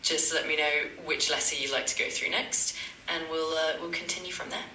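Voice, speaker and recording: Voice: medium pitch, fairly even intonation, fairly quick, sharp tone, echoey room, distant mic, a little hiss or hum, rough recording. A synthetic AI language tutor voice, polite and eager to please, repeating stock phrases. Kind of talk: chatbot tutoring replies.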